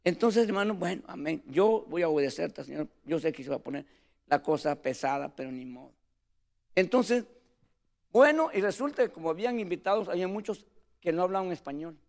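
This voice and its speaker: In a brisk, gravelly, darkish voice that's high-pitched and lively in intonation, a preacher gives a storytelling testimony about his ministry. He speaks earnestly, calling his listener "hermano," brother, again and again.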